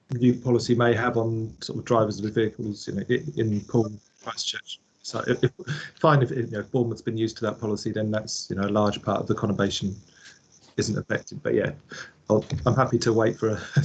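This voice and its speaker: Husky man councillor asking politely. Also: lowish voice, fairly even intonation, a little fast, low-quality recording. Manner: polite, tentative, hedging. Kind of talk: committee question. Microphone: video call.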